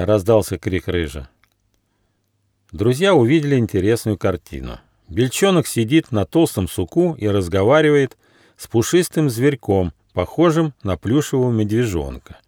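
A man reading a children's fairy tale with an animated, rising and falling voice. The sound is close and dry, with no room around it. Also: mid-range voice, moderate pace, no room sound. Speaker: author reading his audiobook. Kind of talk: storybook narration.

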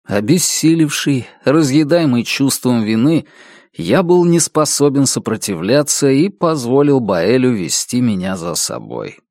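A man narrates a first-person story in a grave, measured voice. His pitch sits in the middle of the male range. The recording is dry, with no room sound. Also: very animated, a little mellow, no echo.

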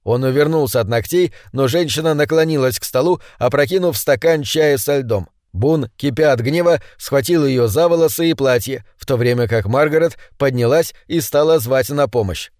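A man narrating an audiobook with measured, dramatic reading. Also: medium pitch, darkish tone, no echo, clean studio sound. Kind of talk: scripted narration.

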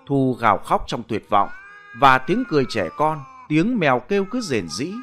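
A man's voice: mid-range voice, normal speed, a little hiss or hum. A man narrating a scripted horror story in a dramatic manner. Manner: dramatic, animated. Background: soft background music.

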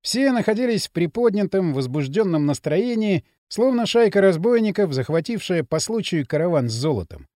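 A man narrating an audiobook with an expressive, animated reading. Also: sits high, moderate pace, few pauses, no room sound, clean studio sound. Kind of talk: scripted narration.

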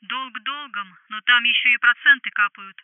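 Menacing guy on a tinny phone call, a woman putting him on, smooth and steady. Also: a little high, normal speed, dry recording. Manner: coaxing, then cold and threatening. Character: menacing male debt collector on the phone. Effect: phone filter.

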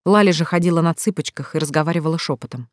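Audiobook reader, steady even storytelling, mid pitch, dry close recording. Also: very fast, no room sound. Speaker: audiobook narrator. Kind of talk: scripted narration.

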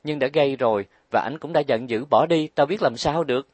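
A man's voice: mid-range voice, a little fast, no echo, voice pushed up, close to an everyday voice. A man reading an audiobook, voicing a proud, stubborn young wife who complains and talks back. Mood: complaining. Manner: defiant, complaining.

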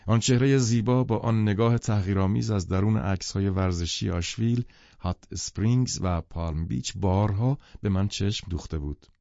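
A man gives scripted audiobook narration in a measured, even way, his voice low and mellow. The recording is dry and slightly dull, with a muffled top end. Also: creaky, no echo.

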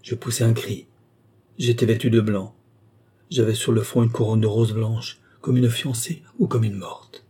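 A frightened young woman pours out her tale with urgent, dramatic dread. A man reads her in a low, husky voice with a mellow, dark tone. It sounds like a storybook audiobook. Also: steady tone, normal speed. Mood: haunted. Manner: urgent, dramatic first-person telling. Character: distraught young woman recounting a dark abduction.

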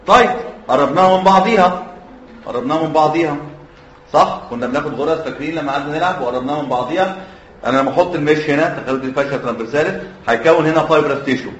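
In a lecture hall, a man with an Egyptian Arabic accent teaches surgery, quizzing students and letting them complete his sentences. His voice is fairly high, and the dull, lo-fi recording carries echo plus a little hiss or hum.

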